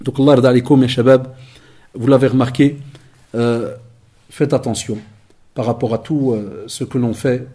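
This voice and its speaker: Husky-voiced man giving a lively lecture. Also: medium pitch, normal speed, pauses often. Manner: lively storytelling, acts out dialogues, mixes in Arabic phrases. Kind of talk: conference talk to young people.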